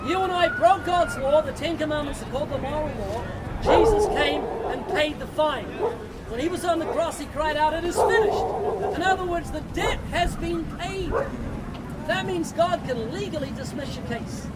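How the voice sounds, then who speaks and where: A man doing doomsday street preaching, questioning a passerby pointedly and explaining in a deliberate, emphatic way. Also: extremely high pitch. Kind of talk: street evangelism interview, leading questions and explanations. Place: outdoors on a public street. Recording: noisy busy street with traffic and crowd.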